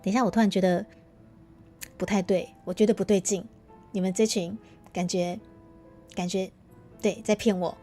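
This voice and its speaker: A woman's voice: mid-range voice, steady tone, moderate pace, pauses often, warm tone, faint music behind. A woman with a Taiwanese Mandarin accent chatting casually on a livestream, playful and teasing, often breaking into laughter. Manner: playful, teasing, bursts of laughter, slips into Japanese. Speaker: VTuber streamer.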